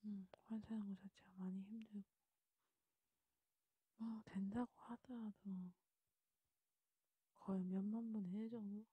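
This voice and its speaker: Casting: woman as soothing Grim Reaper guide for ASMR ASMR role-play, extremely breathy, low-key and even in intonation. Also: measured pace, pauses often, dry recording, narrow, tinny audio. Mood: calm, reassuring. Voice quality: breathy, unvoiced. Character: calm, reassuring Grim Reaper guiding a soul to the afterlife. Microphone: close mic, dry.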